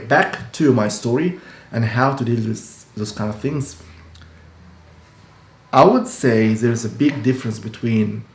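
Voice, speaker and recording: An Egyptian dentist who owns his practice talks casually to camera in a medium-pitched, slightly mellow voice. He's earnest and explanatory, often restarting his sentences, and the room is echoey with a faint hum.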